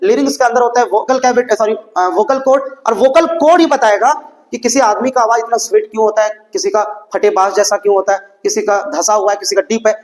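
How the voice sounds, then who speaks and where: A man with a very high voice teaches a school science class. He asks his own questions and answers them, and he slips English textbook phrases into his explanations. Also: low-quality recording.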